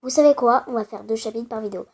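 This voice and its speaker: A woman's voice: fairly high pitch, fast, darkish tone, breathy edge. A woman playing a dating game and chatting casually to viewers, with teasing asides. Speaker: let's play gamer.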